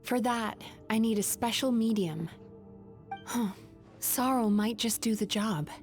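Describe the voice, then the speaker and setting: A woman playing a calm, wise, caring young mystic in an anime video game, measured and reassuring. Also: on the high side, faint music behind. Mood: solemn explaining.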